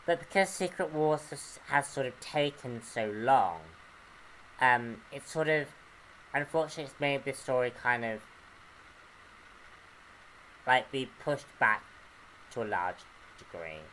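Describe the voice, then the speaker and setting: A man giving an unscripted comic book review, earnest and hesitant, often pausing to search for words. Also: medium pitch, expressive, fairly bright tone, slight background noise, rough recording.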